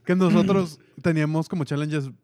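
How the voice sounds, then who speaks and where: A man co-hosting a casual podcast, chatting in quick short remarks. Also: a little high, fairly even intonation, dark tone, no echo. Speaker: podcast co-host. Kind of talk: casual chat.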